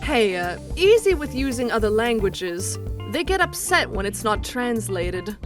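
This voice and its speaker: A woman playing a sly, detached programmed messenger with a measured, matter-of-fact manner in a comic dub. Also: fairly high pitch, very animated. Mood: unbothered. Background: music.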